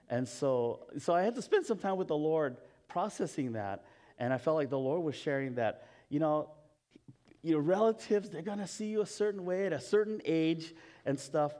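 This is a pastor from Hawaii, his voice on the higher side and a bit mellow, preaching conversationally through stories from his own life. He keeps poking fun at himself with laughter, stumbling into fillers and starting sentences over again and again.

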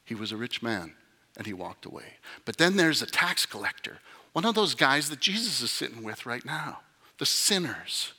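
A man's voice: mid-range voice, big pitch swings, moderate pace, bright, forceful tone, husky, long reverb tail. A male pastor preaching a sermon in a church, telling it as a casual story with frequent "okay?" asides. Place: church sanctuary.

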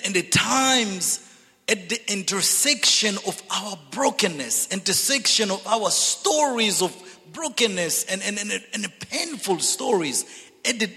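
Casting: Zambian-born man, fairly high voice, slow and earnest speaker, large reverberant sanctuary. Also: animated, sharp tone. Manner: earnest, deliberate, repeats words when building a point. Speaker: speaker at a church reconciliation event. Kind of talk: reflective speech to an audience. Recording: long hall reverb.

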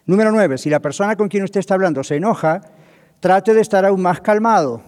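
A man's voice: high-pitched, a little fast, a little mellow. A man preaching as a pastor on marriage communication, often checking in with his listeners and acting out quoted speech. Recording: long hall reverb.

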